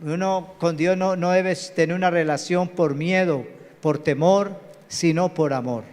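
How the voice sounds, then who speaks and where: A man's voice: on the high side, a little slow, a little mellow. A man preaching a live church sermon as pastor, calling on the congregation to say amen. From Colombia. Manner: preachy, calls out to the congregation for amens. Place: large church hall. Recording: reverberant church hall.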